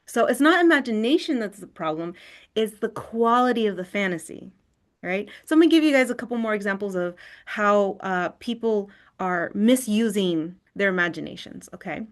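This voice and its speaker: A woman's voice: medium pitch, animated, moderate pace. A woman leading an online wellness workshop in a screen recording of a video call. She talks conversationally and often checks in with "right?".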